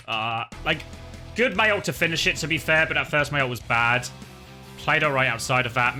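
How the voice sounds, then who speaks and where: A man in his thirties with a very bright, sharp voice that swings up and down a lot, rambling through a casual livestream commentary. He corrects himself often and chats to viewers and a helper, with faint music underneath. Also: mid-range voice. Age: 30s. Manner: rambling, self-correcting, talks to chat and a helper. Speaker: esports co-streamer.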